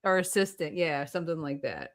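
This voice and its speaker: Lady gushing about a show, smooth clear voice, kinda low. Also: very animated, no echo, clean studio sound. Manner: enthusiastic, chatty, quick agreeing replies. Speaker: podcast co-host. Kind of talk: casual chat.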